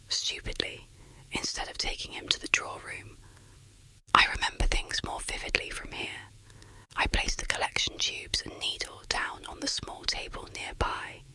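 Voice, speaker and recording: A person whispering a scary story as ASMR narration, in short, deliberate phrases with no voiced tone. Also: pushed and bright, rough recording. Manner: whispering throughout, unvoiced.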